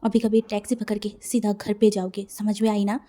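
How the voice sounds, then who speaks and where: A woman voicing a firm young man who gives orders to calm a friend down in a storybook reading. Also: medium pitch, moderate pace, natural voice. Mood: stern. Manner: commanding, firm.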